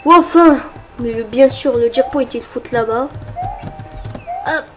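A woman giving casual gameplay commentary, excitable and often yelling and cursing at enemies, with faint game music behind. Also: high-pitched, unhurried. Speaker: let's play gamer.

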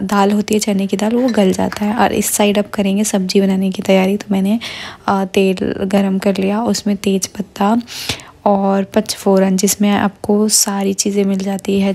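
A woman talking through a home cooking recipe step by step, speaking softly and slowly because a child is asleep beside her, with fillers and self-corrections. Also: medium pitch, slight background noise. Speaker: vlogger. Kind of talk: cooking vlog narration.

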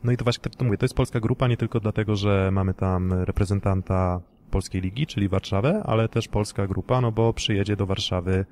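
A man hosting a sports podcast, talking in a measured, analytical way and passing questions to his co-hosts. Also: on the low side, steady tone, darkish tone, slight background noise. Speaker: podcast host. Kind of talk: casual sports podcast discussion.

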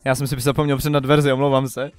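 A young man chatting casually on a live stream, excitable and stammering as he greets viewers. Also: medium pitch, smooth, faint music behind. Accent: Czech.

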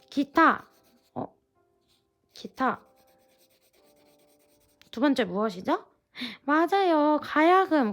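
A woman evangelist leading a children's devotional lesson and prayer, coaxing and lively with the kids, soft and hushed when praying. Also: on the high side, creaky. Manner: lively, coaxing teacher talk to young children.

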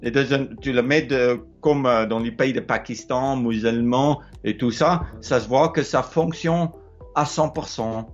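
Recorded indoors under a wooden ceiling on a phone held close and low, a middle-aged Afrikaans-accented South African haltingly offers advice about his explorer's life in second-language French. He repeats words and hunts for others; his pitch is medium, the highs are cut off, and faint music plays behind.

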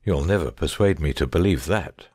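Audiobook drama: cool Victorian detective male actor, low and expressive voice, unruffled, close dry recording. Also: normal speed, breathy edge, no room sound, full character voice. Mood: careless, goading. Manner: careless, bland, unruffled. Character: shrewd, self-assured Victorian gentleman detective.

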